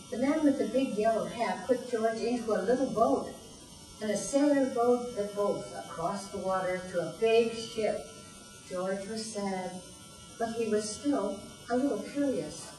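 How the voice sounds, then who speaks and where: An older woman, a grandmother, reading a children's storybook aloud in a deliberate, expressive way for young children. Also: on the high side. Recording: roomy echo, distant mic, faint music.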